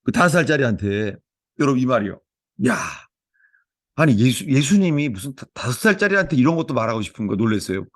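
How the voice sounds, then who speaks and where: A man's voice: mid-range voice, big pitch swings, brisk, dry recording, clean studio sound. A male pastor preaching in Korean, praying and then telling stories in an earnest, repetitive way. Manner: earnest, storytelling, many repetitions. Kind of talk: sermon with opening prayer.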